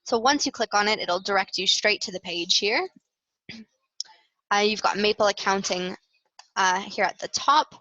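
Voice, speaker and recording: A client success manager with a Canadian accent gives a webinar product demo in a bright, forceful, medium-pitched voice. She speaks at a moderate pace and pauses often, explaining casually with frequent hesitations. The webinar audio is roomy and a bit dull.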